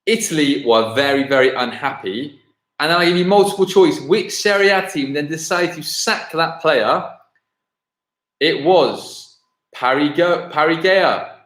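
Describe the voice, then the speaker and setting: Chatty quiz host, roomy echo. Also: male voice, on the high side, expressive, a little slow, fairly bright tone. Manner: chatty, self-correcting, thinks aloud between questions. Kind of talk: live-streamed pub-style quiz hosting. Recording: echoey room.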